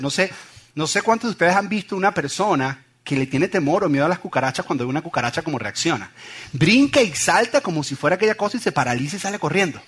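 A man's voice: a little high, slightly rough. A middle-aged man, preaching a sermon with funny anecdotes and acted-out voices. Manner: animated storytelling, acts out voices. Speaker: pastor.

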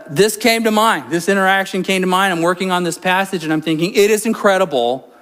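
A man preaching a sermon as a pastor, telling a funny story with lots of jokes before turning to scripture teaching. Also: a little high. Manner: storytelling, animated and joking.

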